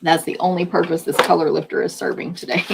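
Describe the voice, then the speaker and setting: A woman with a hoarse voice, chatting casually as she demonstrates a card-making project step by step. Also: lowish voice, fairly even intonation, a little fast, noisy background. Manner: chatty, hands-on explaining while working. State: losing her voice. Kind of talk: live craft demonstration.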